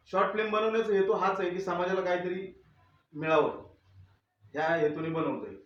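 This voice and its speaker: Earnest male filmmaker addressing viewers, distant mic, dull muffled sound. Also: on the high side. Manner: earnest, explanatory. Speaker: short film maker. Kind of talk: spoken announcement to viewers. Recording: very echoey room, far dull mic.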